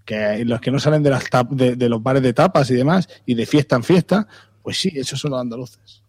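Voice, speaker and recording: A man's voice: mid-range voice, a little fast, a little mellow, breathy edge. A man from Spain co-hosting a casual podcast chat, chatty and teasing about regional accents. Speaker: podcast co-host.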